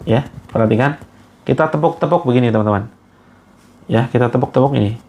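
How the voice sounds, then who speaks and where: A man leads a guided self-healing session as a spiritual coach. His voice is mid-pitched and steady, and he moves calmly from one instruction to the next, weaving in repeated Arabic invocations. He speaks gently to his listeners as friends. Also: brisk.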